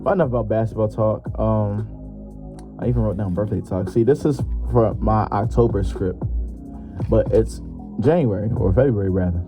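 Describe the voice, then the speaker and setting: In a muffled, lo-fi recording backed by music, the 21-year-old podcaster talks on his own at a moderate pace in a lowish voice, joking around casually and leaning on slang and fillers.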